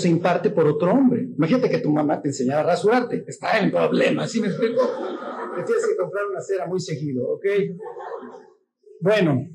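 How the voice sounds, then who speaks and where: Lively Mexican pastor with a high voice. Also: male voice. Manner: lively, joking, asks "¿sí me explico?" often; mimics voices in quotes. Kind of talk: sermon.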